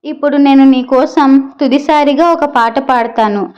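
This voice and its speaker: A woman voicing a gentle female songbird kept in a cage, speaking earnestly and wisely of her longing for freedom. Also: high-pitched, measured pace, dull audio.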